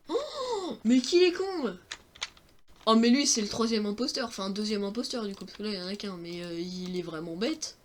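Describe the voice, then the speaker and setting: A man's voice: sits high, slight background noise. A young man giving joking, self-mocking commentary while playing a video game, talking to his viewers. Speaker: gaming streamer. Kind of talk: let's-play commentary.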